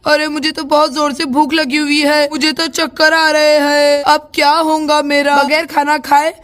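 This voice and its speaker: A woman voicing a grumbling, hungry village husband in a doll story, complaining loudly. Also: high voice, little pitch movement, normal speed. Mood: whining.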